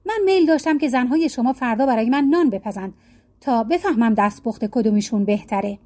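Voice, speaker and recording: A woman's voice: a little high, dark tone, close to an everyday voice. A woman voicing a proclaiming old king. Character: old king, stern and commanding.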